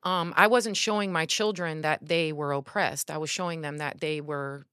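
A woman in her forties, a podcast guest, telling her story in an earnest, animated way with many filler words. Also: low voice, normal speed, clear, resonant tone, dry recording, studio quality. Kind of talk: casual conversational storytelling.

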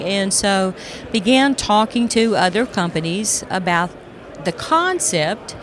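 A woman executive giving measured, businesslike explanations as a podcast guest at a convention expo. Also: mid-range voice, slight background noise. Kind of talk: explanatory interview talk.

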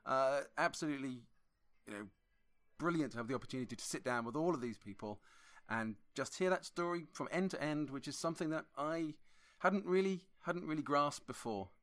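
A man's voice: on the high side, expressive, brisk, a bit bright. A man co-hosting a casual podcast who sums up the discussion in a reflective, appreciative way. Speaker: podcast co-host.

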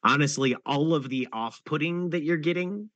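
A man narrating a tabletop game as game master, unhurried and pausing often to think. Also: fairly high pitch, fairly bright tone, no echo, dull audio. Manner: unhurried, with many thinking pauses.

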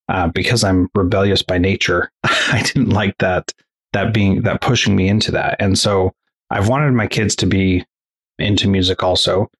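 A man with a very low, husky voice hosts a conversational interview. He asks his questions in a steady, reflective way and answers in kind with stories from his own life. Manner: thoughtful, measured questioning. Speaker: podcast host.

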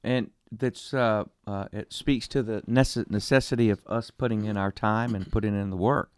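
A man with a lower voice adds thoughtful, affirming points to a relaxed conversation. The sound is dry and close. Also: moderate pace, clear, resonant tone, no room sound. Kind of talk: casual conversation.

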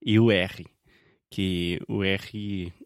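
A man's voice: sits low, steady tone, drawn-out words, clean tone, no room sound, studio quality. A man chatting casually as an interviewer, repeating example words to illustrate sounds. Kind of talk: casual chat.

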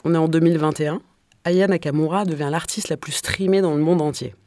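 A man reading an opinion column on the radio in a measured, rhetorical way, with a few restarts mid-sentence. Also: a little high, fairly even intonation, darkish tone, dry recording. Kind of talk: read-aloud opinion column.

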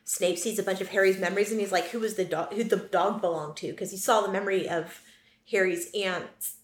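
A woman's voice: medium pitch, fairly even intonation, fairly quick. A woman co-hosting a casual book podcast, talking emphatically. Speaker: podcast co-host. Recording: roomy echo.

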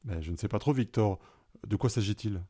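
A man's voice: on the low side, brisk, dark tone, breathy edge. A man reading a story aloud, voicing an eccentric professor who swings from hesitant to grandiose. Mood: puzzled. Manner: hesitant, then exalted and solemn.

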